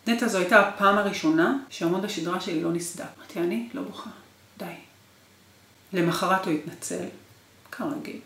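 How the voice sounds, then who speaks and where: A woman's voice: fairly low pitch, creaky, fairly bright tone. A woman in her forties in an interview, recounting her marriage with emotional, repetitive intensity. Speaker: guest. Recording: roomy echo.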